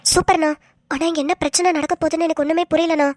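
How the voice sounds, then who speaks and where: A woman's voice: extremely high pitch, steady tone, quick pace, darkish tone, no echo, clean studio sound. A woman voicing an eager young woman helping with a plan in a cartoon.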